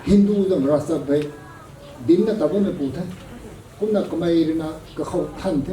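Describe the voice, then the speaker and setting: A man preaching a sermon at a prayer meeting, measured and slow, with English words slipped in. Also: sits high, mellow. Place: prayer gathering hall. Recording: echoey hall, voice from a distance.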